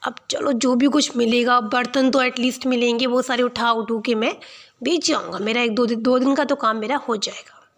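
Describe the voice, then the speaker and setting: A woman voicing a nervous small-time male thief who mutters to himself in a hushed, lowered voice. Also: steady tone, normal speed, natural voice. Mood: scheming hush.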